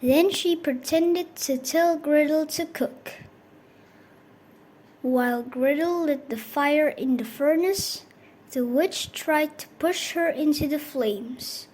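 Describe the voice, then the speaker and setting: A woman narrating a children's fairy tale in a slow, even reading voice. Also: high-pitched, poor audio. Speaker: storyteller. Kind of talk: scripted storybook narration.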